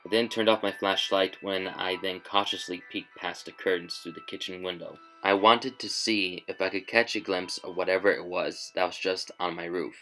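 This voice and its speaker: A man narrating a scripted first-person horror story in a measured, tense way. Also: deep voice, steady tone, pushed and bright, faint music behind, low-quality recording.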